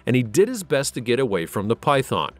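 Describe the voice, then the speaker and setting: Over faint background music, a man with a brisk, mid-range voice narrates a scripted wildlife countdown, keeping a steady delivery with dramatic emphasis.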